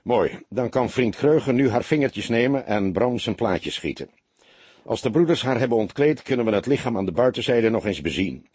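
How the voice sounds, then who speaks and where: A man's voice: medium pitch, animated, moderate pace, a little mellow, husky, dry recording. A man voicing a weary middle-aged police detective who speaks tersely and with dry sarcasm, barking out notes. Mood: brisk.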